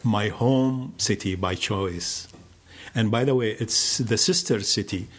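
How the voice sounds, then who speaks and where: An older man from Iraq, telling his life story in a slow, measured, reflective way with many pauses. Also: fairly low pitch, slightly rough. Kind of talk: personal storytelling.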